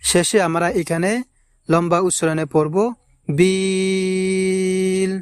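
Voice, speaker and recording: A man teaching correct recitation, drawing out words slowly and repeating them to correct pronunciation. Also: on the high side, dry recording. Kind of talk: recitation lesson.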